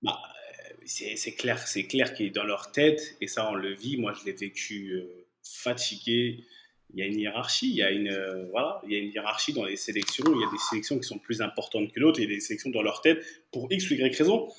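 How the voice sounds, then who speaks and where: A man in his thirties from Paris, a former footballer, recounting his career in a relaxed, repetitive way. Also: fairly low pitch, a little fast. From Paris, France. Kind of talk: casual chat.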